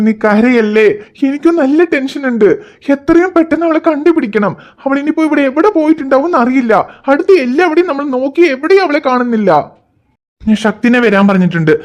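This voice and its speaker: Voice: medium pitch, animated, fast, dull audio, lightly acted. A voice actor playing a worried husband in a cartoon, firmly reassuring his wife. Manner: reassuring, firm.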